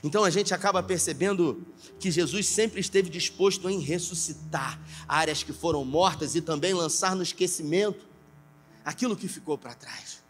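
High-voiced man preaching a sermon. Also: normal speed, slight background noise. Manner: storytelling with quoted dialogue, rising to emphatic preaching. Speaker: pastor.

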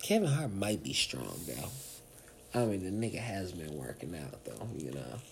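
A woman with an extremely deep voice rambles through crude comic stories. Her pitch swings widely, and she jumps into loud acted-out voices. Her delivery is slow and drawn out. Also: creaky, background noise. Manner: profane, animated, acts out quoted voices. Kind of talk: rambling comedic storytelling.

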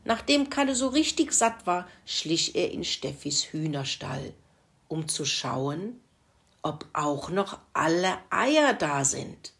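A woman reading a children's farmyard story aloud in a gentle, expressive way. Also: lowish voice, slow pace, gravelly.

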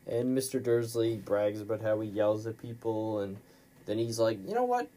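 A man's voice: on the low side, little pitch movement, normal speed, dark tone. A male podcast host giving a casual, rambling recap of a chapter in informal, slangy storytelling.

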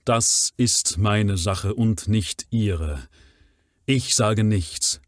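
A man's voice: on the low side, lively intonation, measured pace, darkish tone, no room sound, studio quality. A man reading aloud, voicing a nervous male butler who stammers and pleads deferentially with his master. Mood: defiant.

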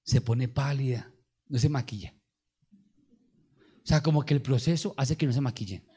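Animated Colombian pastor preaching. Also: male voice, medium pitch, a little slow, slightly rough. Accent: Colombian Spanish. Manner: animated storytelling with call-and-response. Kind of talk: sermon.

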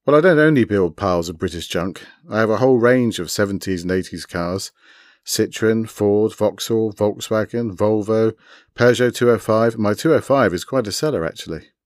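A man's voice: on the low side, moderate pace, no room sound, studio quality, lightly acted. A man reading a story, voicing an easygoing, chatty, slightly awkward man in his thirties. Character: round-faced man in his thirties, car modder.

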